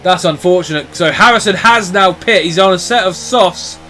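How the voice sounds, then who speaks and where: A man commentating live on motor racing as a motorsport commentator, in an excitable, exclamatory way. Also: high-pitched, normal speed, slight background noise.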